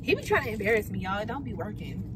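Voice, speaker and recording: A young woman, riding along in a car and trading playful quick comebacks. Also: mid-range voice. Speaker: co-host, passenger. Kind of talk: casual chat in a car. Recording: car recording with steady background hiss.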